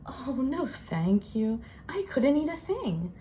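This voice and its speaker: A woman voicing a small, excitable young female elf from a storybook, earnest and emphatic in a sing-song way. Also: high voice, slow pace, slight background noise, pitched above the performer's own voice, full character voice. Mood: excited, urgent.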